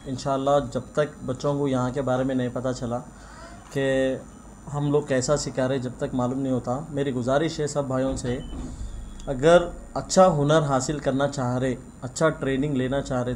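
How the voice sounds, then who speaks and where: A man's voice: medium pitch, a little mellow, a little hiss or hum. A young man, a shop owner talking earnestly to press mics, often adding blessings. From India. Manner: earnest, frequent religious blessings. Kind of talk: press interview. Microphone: bunch of press mics on table.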